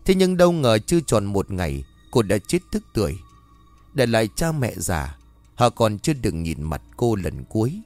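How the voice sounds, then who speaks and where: A male storyteller, telling a ghost story in a dramatic, expressive way. His pitch moves in lively swings, and faint music plays under his voice. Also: normal speed, dry recording.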